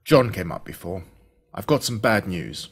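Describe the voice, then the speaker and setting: A man's voice: low voice, expressive, normal speed, slightly rough, full character voice. An Australian man playing a sober, matter-of-fact suburban father in a storybook, breaking bad news. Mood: sombre. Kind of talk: storybook character voice.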